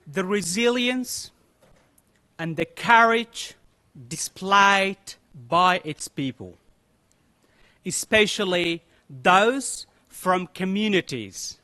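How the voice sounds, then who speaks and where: Young guy reading a formal speech, high bright voice, deliberate. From Afghanistan. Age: young adult. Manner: slow, deliberate, solemn delivery. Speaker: youth delegate speaker.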